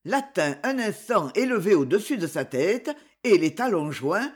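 A narrator reading a swashbuckling adventure novel aloud in a dramatic, expressive storytelling manner. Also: medium pitch, a little slow, husky.

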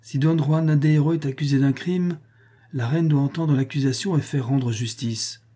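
A man's voice: fairly high pitch, normal speed, warm tone, breathy edge, voice pushed up. A man reading aloud, voicing a proud, defiant deposed queen with indignant, haughty exclamations.

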